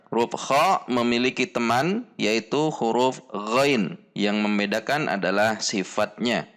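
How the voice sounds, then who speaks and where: A man with an Indonesian accent teaching Quran letter pronunciation in a slow lesson, drilling each sound again and again. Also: medium pitch, a bit bright. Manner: slow, deliberate, demonstrates sounds repeatedly.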